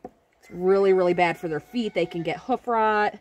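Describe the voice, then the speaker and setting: A woman's voice: lowish voice, normal speed. A woman in her thirties casually narrating farm chores, explaining each step in a chatty, practical way, filmed on a handheld phone around a barn. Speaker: homestead vlogger. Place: barn and farmyard outdoors. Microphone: handheld phone camera.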